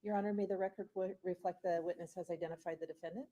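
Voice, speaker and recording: A woman prosecutor questioning a witness in a conversational, somewhat halting way. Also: fairly low pitch, steady tone, mellow.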